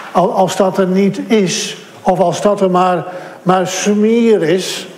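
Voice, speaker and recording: A man's voice: high voice, darkish tone. A man preaching a sermon, earnest and direct, repeating his points for emphasis. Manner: earnest, repetitive emphasis, addresses listeners directly. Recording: echoey hall.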